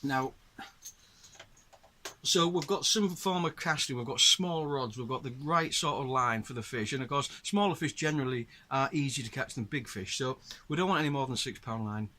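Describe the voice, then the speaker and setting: In this casual show-and-tell, the host, a middle-aged Northern English man, patiently talks viewers through his gear. He speaks in a mid-range voice at a moderate pace, his tone bright and forceful, over a slight hiss or hum.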